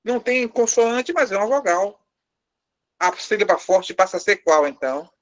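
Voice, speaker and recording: A man's voice: high voice, animated, normal speed. Brazilian man teaching a class. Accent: Brazilian Portuguese. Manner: explains step by step, quizzing students with questions; lightly teasing, joking with the class. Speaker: language teacher. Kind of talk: live class lesson.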